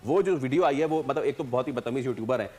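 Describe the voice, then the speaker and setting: Brief: mid-pitched man, fast but halting TV panel talk. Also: darkish tone. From Pakistan. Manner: hesitant, many fillers, mixes in English. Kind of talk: TV panel discussion.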